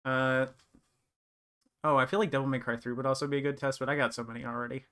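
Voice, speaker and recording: Bright, clear-voiced male streamer rambling. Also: mid-range voice, steady tone, quick pace. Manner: rambling, thinking aloud with many fillers. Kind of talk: casual live-stream chatter.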